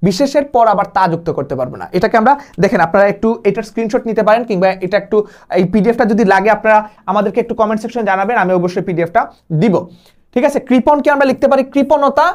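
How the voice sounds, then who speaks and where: Young male tutor, fast-paced exam-prep lecture, explanatory, peppered with English words. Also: sits high, animated. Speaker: admission test tutor.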